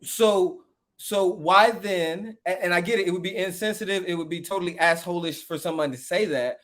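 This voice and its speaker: A man's voice: high voice, normal speed, fairly bright tone. Questioning man on a podcast. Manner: questioning, restarts his sentences. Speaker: podcast co-host. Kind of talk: casual debate.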